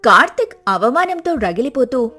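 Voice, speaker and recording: High-voiced woman narrating a dramatic story. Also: sing-song, normal speed, sharp tone.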